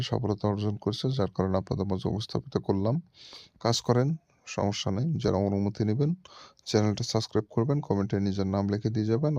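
A man hosting his own channel, calmly explaining step by step, repeating himself and pausing to hesitate. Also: on the low side, no room sound. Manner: patient, repetitive explaining with frequent hesitations. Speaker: channel host teaching mantras. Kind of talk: instructional monologue. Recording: dull, dry lo-fi recording.

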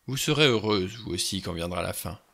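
A man voicing a weary, haunted old general who speaks slowly and quietly with regret. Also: low-pitched, lively intonation, vocal fry, exaggerated voice. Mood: soft.

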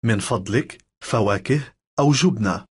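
A man, reading lesson phrases in a measured, careful way. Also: mid-range voice, breathy edge. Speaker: language lesson speaker.

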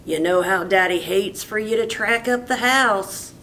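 A woman reading a storybook, voicing a hateful, lazy young cowboy who bosses and taunts loudly. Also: mid-range voice, slight background noise, pitched above the performer's own voice, lightly acted. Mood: bossy. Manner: loud, taunting, drawn-out.

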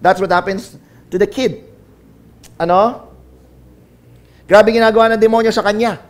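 A Filipino pastor preaching to his congregation in a notably high voice. He mixes English into his sermon and keeps calling on the crowd to answer him. His delivery swings between loud calls and low, quiet asides. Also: fairly even intonation, normal speed. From Philippines.

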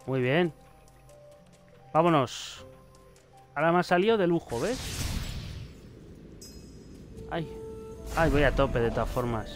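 A man from Spain talks through his gameplay in a lively, swearing rush, his fairly high voice swinging widely in pitch as he shouts warnings at the screen. Faint game music plays underneath him. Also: a little slow. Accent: Spain Spanish. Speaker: gaming youtuber. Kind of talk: live gameplay commentary.

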